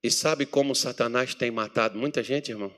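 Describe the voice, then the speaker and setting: A Brazilian man preaching a sermon to his congregation, joking with them between Bible readings and swinging from loud readings to low murmurs. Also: a little fast. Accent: Brazilian Portuguese. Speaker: pastor. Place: church meeting hall.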